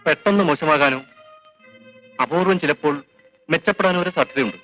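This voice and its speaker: An actor plays a calm, formal doctor with a fairly high voice who explains things in a measured way. The recording is a dull 1980s film soundtrack with faint music underneath. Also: male voice, close to an everyday voice. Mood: grave. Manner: measured and formal, mixing in English phrases.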